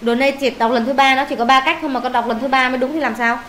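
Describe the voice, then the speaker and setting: In an echoey room with faint ambience, a woman's voice sits high and a bit bright, with fairly even intonation and a fast pace. She tutors a pupil in English one-on-one, firing off questions and scolding and teasing him for wrong answers.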